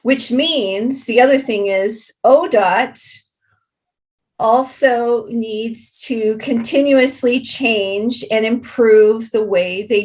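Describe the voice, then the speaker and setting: A woman representing a project gives explanatory interview answers, deliberate and halting, leaning on key words. Her pitch is fairly high.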